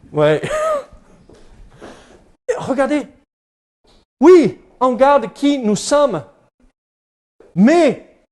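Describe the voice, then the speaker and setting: A man with an English-speaking accent preaches a church sermon with a rather high voice. He speaks slowly, with frequent hesitations, and jokes and chats with the people in the congregation. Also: a little mellow. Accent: English-speaking accent in French. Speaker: pastor. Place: church service.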